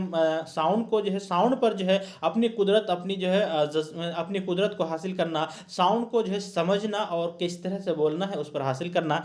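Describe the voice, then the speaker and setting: A male teacher giving an exam-prep lecture, explaining each point by rephrasing it again and again with many fillers. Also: high voice.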